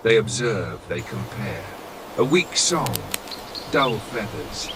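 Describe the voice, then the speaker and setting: A man reading scripted nature documentary narration in a solemn, dramatic manner, with short measured phrases and weighted pauses. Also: lowish voice, sing-song, heavy background noise. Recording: loud nature ambience of birds and insects.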